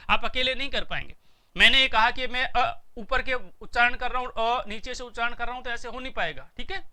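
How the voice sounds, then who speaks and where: A man's voice: very high-pitched, bright, forceful tone. A middle-aged man teaching a recorded lecture, who explains patiently and says each point twice.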